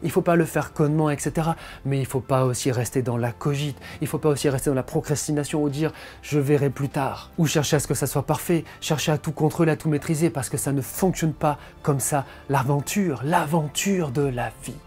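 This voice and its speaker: A man's voice: fairly high pitch, fairly quick, hardly any pauses, darkish tone. A man giving a motivational coaching talk, speaking emphatically and directly to the listener.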